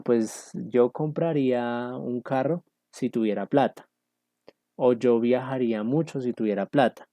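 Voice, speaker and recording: Male language teacher, mellow, patient explainer over a dry video call. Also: medium pitch, no echo. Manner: patient, explanatory, with frequent fillers. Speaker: English teacher. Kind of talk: online class instruction.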